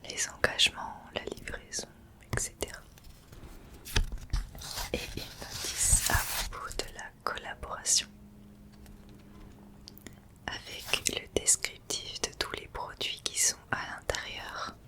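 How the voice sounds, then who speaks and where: A woman's voice: slow, pauses often, pushed and bright. A woman hosting an ASMR unboxing, speaking in a whisper and soothingly addressing the listener directly. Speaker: ASMR video host.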